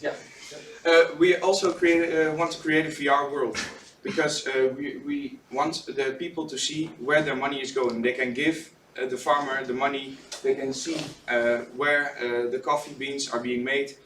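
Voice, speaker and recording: Flustered eighteen-year-old student presenter. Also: male voice, medium pitch, level tone, moderate pace, a bit bright. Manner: flustered, many fillers and restarts. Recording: echoey room, distant mic, noise.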